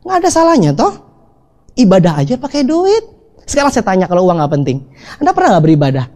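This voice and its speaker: A man giving an animated motivational seminar talk, joking with the audience and acting out little dialogues in changing voices. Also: sits high, fast talker. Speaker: motivational speaker.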